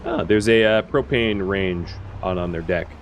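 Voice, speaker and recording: A man's voice: low-pitched, a little slow, slight background noise. A man giving casual, wry gameplay commentary as a streamer, thinking aloud with fillers. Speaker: gaming streamer.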